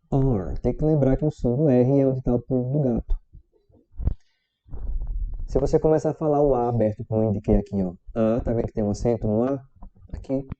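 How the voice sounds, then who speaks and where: A man from Brazil talks through a pronunciation lesson in a chatty, upbeat way, repeating each sound slowly so the learner can copy it. His voice is deep and mellow in tone, at an average pitch. The home recording sounds a little muffled and lo-fi. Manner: informal, encouraging, drills sounds by repeating them slowly. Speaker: English teacher. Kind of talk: casual spoken lesson.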